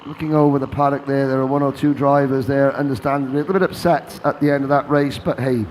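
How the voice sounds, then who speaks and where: A man giving lively live commentary on a kart race, listing drivers and their grid places. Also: medium pitch, a little hiss or hum. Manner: jovial, quick-talking, reeling off driver details.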